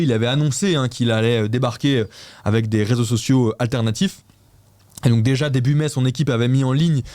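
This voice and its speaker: A male show host talks through the week's news in a loose, chatty way, often stopping and restarting his sentences. His voice sits at an ordinary middle pitch and comes across dry and close, with no room sound around it. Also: darkish tone, no echo. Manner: hesitant, restarting often, chatty and self-mocking. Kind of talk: casual news recap and quiz with co-hosts.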